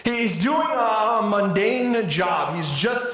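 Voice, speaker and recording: A man's voice: sits high, expressive, takes it slowly, fairly bright tone, roomy sound, poor audio. A male pastor preaching a sermon in an earnest way, often stammering into restarts.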